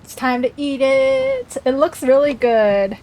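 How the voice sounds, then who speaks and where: Girl streamer chatting w chat while snacking, kinda high voice. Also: huge pitch swings, slow pace, darkish tone. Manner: chatty, reacts to chat messages aloud, talks while eating. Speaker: livestreamer.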